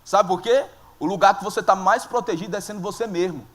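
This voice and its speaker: A male pastor with a Brazilian accent, preaching a sermon in an animated, joking storytelling manner. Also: high-pitched, a little fast. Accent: Brazilian Portuguese.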